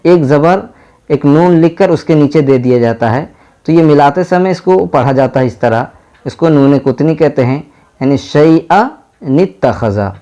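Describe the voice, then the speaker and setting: Slow Indian man teaching Quran reading. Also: a little high, warm tone, lo-fi sound. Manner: spells out letters and vowel marks syllable by syllable, then blends them. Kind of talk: slow step-by-step lesson.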